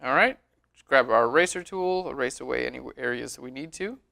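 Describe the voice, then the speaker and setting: A man giving a relaxed, chatty screen-recorded tutorial on photo editing, often saying "all right". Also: medium pitch, a little fast, vocal fry.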